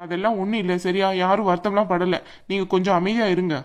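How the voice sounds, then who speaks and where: Woman doing a quick, firm young son. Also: medium pitch, fairly even intonation, natural voice. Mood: firm, caring. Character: dutiful young adult son, caring and firm.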